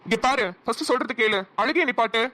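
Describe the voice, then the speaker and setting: A woman's voice: fairly high pitch, fast, bright, forceful tone. A woman voicing a young husband in a cartoon who teases and scolds his wife brusquely. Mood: teasing. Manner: teasing, brusque. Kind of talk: cartoon voice acting.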